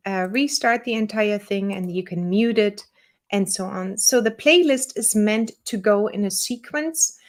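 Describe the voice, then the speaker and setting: A woman with a German accent who owns a small software company leads viewers through a screen-share software tutorial. Her medium-pitched voice is relaxed and chatty, sprinkled with fillers.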